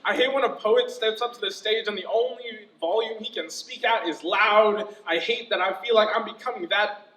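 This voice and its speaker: Young male poet, high bright voice, sardonic spoken-word piece on a stage mic, lurching from loud bursts to hushed intensity. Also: normal speed. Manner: dramatic, swinging between loud outbursts and quiet intensity; profane, sardonic humor. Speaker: student poet. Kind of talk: spoken-word poetry performance. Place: live club reading before an audience. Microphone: stage microphone. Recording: roomy live room, picked up from a distance.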